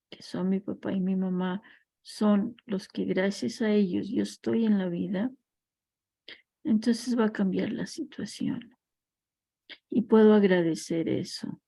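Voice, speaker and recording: Slow, reflective woman teacher. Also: mid-range voice, creaky, mellow, no room sound. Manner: slow, reflective, tells parables and personal stories. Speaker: family constellations teacher. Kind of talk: recorded class lecture.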